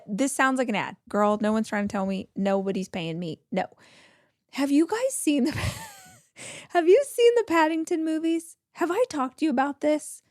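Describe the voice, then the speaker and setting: An enthusiastic woman in her forties chats through a solo podcast episode in a bubbly, friendly way. Her voice sits in a middle pitch, and the close recording has no room sound around it. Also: darkish tone, no echo. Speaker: podcast host. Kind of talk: casual solo podcast talk.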